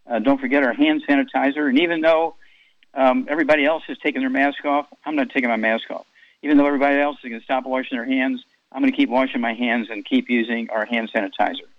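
A man's voice: medium pitch, fairly even intonation, quick pace, no echo. A man in his eighties hosting a call-in health radio show, giving rambling, folksy product advice. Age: 80s. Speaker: radio talk show host. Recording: dull lo-fi radio broadcast with faint music.

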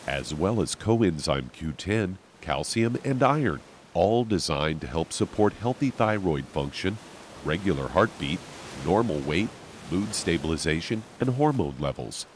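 A man's voice: low-pitched, expressive, unhurried, slight background noise. A male radio announcer giving a polished, scripted promotional read.

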